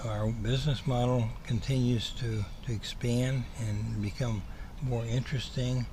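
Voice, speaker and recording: A man giving a casual livestream update as a host, rambling and halting, with a slight whistling lisp from missing front teeth. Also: mid-range voice, fairly even intonation. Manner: rambling, hesitant, halting with repeated words. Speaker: host, cat rescue operator. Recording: clearly noisy ambient background.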